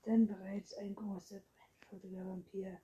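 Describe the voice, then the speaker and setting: Female storybook narrator, soft whispery reading, dark tone, dull lo-fi sound. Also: mid-range voice, flat delivery, moderate pace. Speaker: audiobook narrator.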